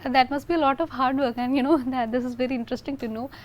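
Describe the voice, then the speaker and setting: High-voiced Indian-accented woman interviewer. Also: fairly even intonation, racing, lo-fi sound. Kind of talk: interview questions.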